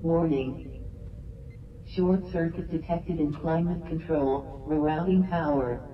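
A man voicing a malfunctioning male station computer through a crackly metallic robot filter, giving flat mechanical announcements. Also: fairly high pitch, takes it slowly, dull audio. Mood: alarmed.

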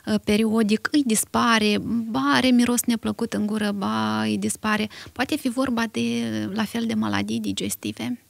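A woman's voice: on the high side, fairly even intonation, vocal fry, hardly any pauses, no echo. A woman hosting a health show, politely asking an invited doctor questions. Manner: polite, asks questions formally. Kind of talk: interview questions.

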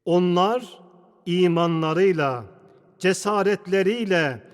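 Guy preaching a formal sermon, really slow and declamatory, big cathedral echo all over it. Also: high-pitched. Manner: measured, declamatory, with deliberate pauses between phrases. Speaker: preacher delivering a Friday sermon. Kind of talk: formal sermon, solemn oratory. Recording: long cathedral-like echo of a large hall.

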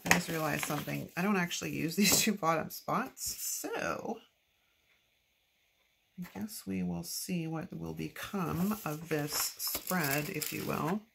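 A woman with a low-pitched voice and vocal fry speaks slowly, her nose stuffy and congested from allergies. She chats casually to herself and her viewers while decorating a planner at a craft table, filmed from overhead, with noticeable background noise.

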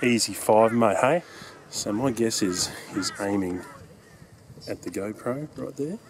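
A man's voice: fairly low pitch, measured pace, background noise. An Australian man hosting a golf vlog, bantering and swearing casually with his mates out on the course. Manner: joking, excitable, swears freely.

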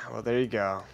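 A young man giving casual gameplay commentary, chatty and quick to laugh, often trailing off quietly at the ends of sentences. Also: medium pitch, gravelly, slightly rough. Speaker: gaming YouTuber.

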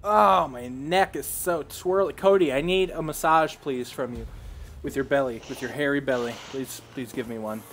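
A man's voice: medium pitch, normal speed, fairly bright tone, slight background noise. A young man streaming a game, chatting casually with friends, joking crudely and swearing a lot. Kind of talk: casual gaming chat with friends.

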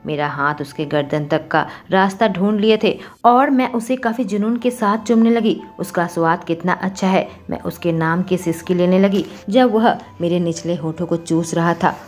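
A woman's voice: lowish voice, normal speed, hardly any pauses, darkish tone. Woman reading a romance story. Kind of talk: scripted first-person story narration.

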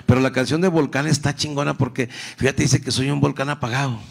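A middle-aged Mexican man doing profane, animated stand-up storytelling. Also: mid-range voice, quick pace, gravelly, a little hiss or hum. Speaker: comedian. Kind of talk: stand-up comedy.

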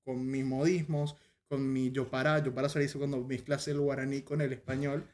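A man's voice: mid-range voice, normal speed, crowd noise. A man from Paraguay with a Paraguayan Spanish accent, hosting a casual chat in a joking, slangy manner. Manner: relaxed, joking, rioplatense slang. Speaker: host.

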